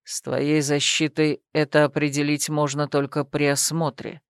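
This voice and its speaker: A woman voicing a cold, authoritative man, a judge, speaking low, quiet and measured in an audiobook. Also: completely flat delivery, clean tone, no echo, clean studio sound.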